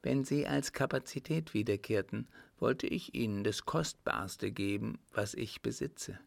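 A man reading an audiobook, voicing a rich, resolute widowed countess in a raised, softly confiding voice. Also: on the low side, measured pace, creaky, dry recording.

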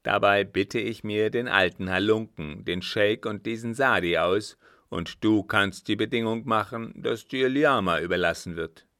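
Male reader doing a cold, plotting ex-officer, low and forceful, close dry audiobook read. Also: measured pace, no echo. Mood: scheming. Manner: louder and more forceful than narration. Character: scheming former guard captain, cold, calculating. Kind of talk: audiobook reading.

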